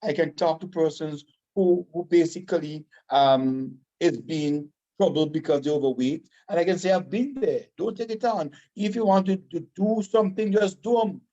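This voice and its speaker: A Vincentian man with a notably high, mellow voice talks casually on the radio. He is emphatic and often repeats a phrase to drive it home. The sound is muffled and lo-fi. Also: moderate pace. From Saint Vincent and the Grenadines.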